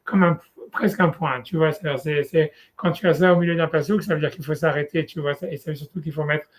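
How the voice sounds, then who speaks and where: A man teaching Torah in a relaxed one-on-one study session, talking casually with many restarts and fillers. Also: on the high side, fast talker.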